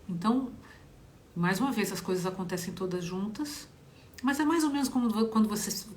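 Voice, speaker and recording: A woman's voice: medium pitch, a little fast, a little mellow, slight background noise. Reflective woman teaching singing. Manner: reflective, frequent rhetorical "né?". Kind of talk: live-streamed lesson monologue. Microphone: phone.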